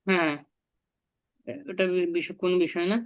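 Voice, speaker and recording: A woman's voice: fairly low pitch, little pitch movement, normal speed. A woman, teaching a language lesson and patiently explaining each step. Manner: patient, explains step by step and asks the learner to repeat.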